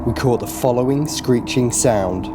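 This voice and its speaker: A man's voice: mid-range voice, measured pace. Man narrating suspensefully over music.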